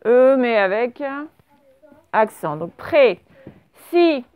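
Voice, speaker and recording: A woman's voice: fairly high pitch, sing-song, extremely slow, clear, resonant tone, no echo, narrow, tinny audio. A woman teacher giving a classroom dictation, spelling words out letter by letter and quizzing her pupils. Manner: asks pupils questions and praises answers. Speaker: primary school teacher.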